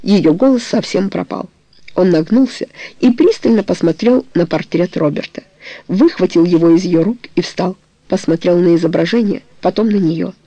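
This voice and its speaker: An audiobook narrator reading a novel in a measured, even storytelling manner. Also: mid-range voice, no room sound. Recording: dull lo-fi recording.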